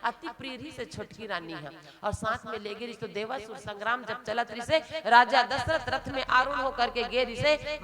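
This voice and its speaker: A woman with a Chhattisgarhi accent giving a devotional discourse on the Ramayana to a village audience. She tells the story with dramatic rises, addresses her listeners directly, and often breaks into chanted verse. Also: on the high side. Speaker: Ramayana commentator at a recitation contest.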